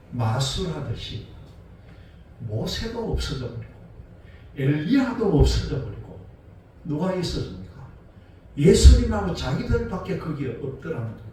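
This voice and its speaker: A man's voice: a little high, dark tone. A male pastor delivering a Sunday sermon, retelling scripture and asking the congregation rhetorical questions. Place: church sanctuary. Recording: very echoey room, voice from a distance, faint ambience.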